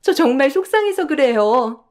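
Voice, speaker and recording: A woman's voice: sits high, sing-song, moderate pace, a little mellow, voice pushed up. A woman voicing a rude, entitled young sister-in-law who talks in a whiny, petulant tone.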